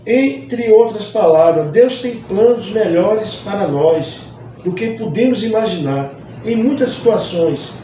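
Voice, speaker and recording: A man's voice: high voice, mellow, slight background noise. A man from Bahia, a Baptist pastor, teaching a Bible study lesson earnestly and repeating phrases for emphasis. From Bahia, Brazil. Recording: distant mic, very echoey room.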